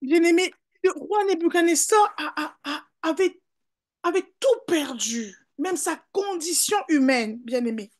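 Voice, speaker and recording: Woman pastor preaching hard, high voice, keeps saying hallelujah, gets loud then drops soft. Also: animated, a little slow. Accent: French. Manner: fervent preaching with repeated hallelujahs and beloved; rises to emphatic calls, drops to soft asides. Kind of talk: sermon.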